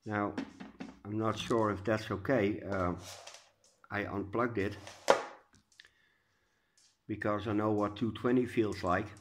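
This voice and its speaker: Background noise accompanies this man from the Netherlands as he gives an informal home update about his orchid growing. His lowish voice stays steady and slow, with frequent pauses, and his speech is hesitant, stuffy and packed with uh's in a Dutch accent.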